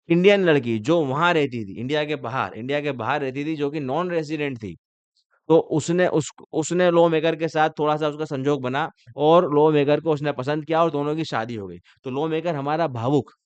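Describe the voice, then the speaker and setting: Male law lecturer, fairly high, smooth voice, playful and teasing, dry close recording. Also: no room sound, muffled recording. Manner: teasing, asks the class rhetorical questions. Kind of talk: joking classroom lecture.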